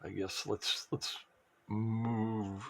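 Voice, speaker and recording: Man, low voice, unhurried, rambling casual commentary while opening sports cards. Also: little pitch movement, gravelly. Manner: rambling, restarts and trailing asides. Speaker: sports card collector and fantasy football vlogger.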